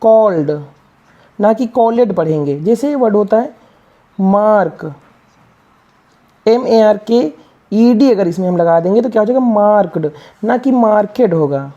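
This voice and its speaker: A woman's voice: mid-range voice, lively intonation, a little slow, pauses often, dark tone, dull audio. A woman teaching English reading, spelling out words letter by letter and asking and answering her own questions. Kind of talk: classroom-style reading lesson.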